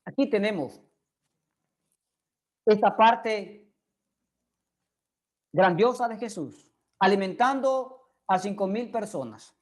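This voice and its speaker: A woman's voice: medium pitch, lively intonation, takes it slowly, long pauses, a little mellow. A woman preaching a sermon in Spanish. She speaks earnestly and keeps turning to her listeners with direct questions.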